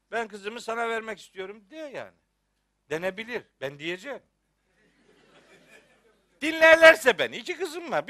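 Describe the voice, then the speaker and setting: Very high-voiced, forceful preacher man. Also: no echo, studio quality. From Rize, Turkey. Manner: scolding rhetorical questions, teasing humor. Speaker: Quran teacher. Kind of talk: religious lecture.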